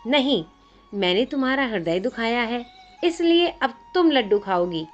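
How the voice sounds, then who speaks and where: A woman's voice: on the high side, expressive, unhurried. A woman voicing a playful, teasing young man with a divine air, in a narrated devotional story. The recording sounds slightly dull, with faint music behind. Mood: tender. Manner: teasing, coaxing.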